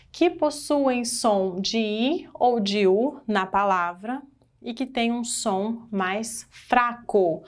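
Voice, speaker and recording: A woman with a Brazilian Portuguese accent teaching an exam-prep grammar lesson, asking the class questions and stressing key words. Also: fairly high pitch.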